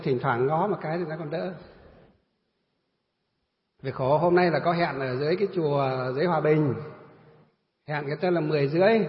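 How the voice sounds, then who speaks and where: Monk giving a sermon in a long-reverb hall; high-pitched man, asks and answers his own questions; dull lo-fi recording. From northern Vietnam. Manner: asks the audience questions and answers them himself. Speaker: Buddhist monk teacher. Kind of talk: dharma talk sermon. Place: temple hall during a retreat. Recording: roomy hall, dull lo-fi sound.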